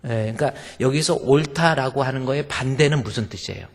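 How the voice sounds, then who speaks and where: Speaking briskly at a medium pitch, a male pastor gives an emphatic sermon peppered with rhetorical questions. The church sanctuary adds a long reverb to his congregation-facing preaching.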